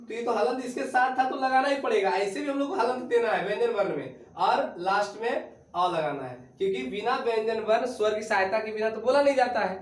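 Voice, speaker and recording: A man's voice: high-pitched, brisk. A male teacher giving a classroom lesson, asking his students questions and repeating their answers. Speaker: Sanskrit teacher. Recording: echoey classroom recorded from a distance.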